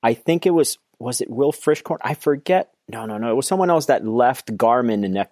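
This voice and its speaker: A man of middle pitch chatting casually on a podcast, relaxed and conversational, sometimes trailing off mid-sentence. His voice is recorded dry and close, with no room sound. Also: fairly quick, no room sound. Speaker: podcast co-host. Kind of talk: casual chat.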